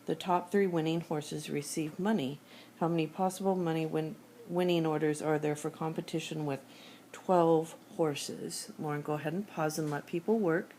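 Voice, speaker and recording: Woman, math teacher, sore throat, low voice, steady step-by-step explaining. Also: normal speed, a little hiss or hum. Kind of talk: screencast math lesson. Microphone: tablet screencast recording.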